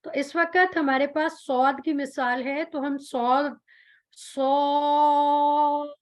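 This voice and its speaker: A woman's voice: high voice, fairly even intonation, unhurried. A woman teaching Quran recitation, patiently explaining letter sounds and stretching out each example sound. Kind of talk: tajweed pronunciation lesson.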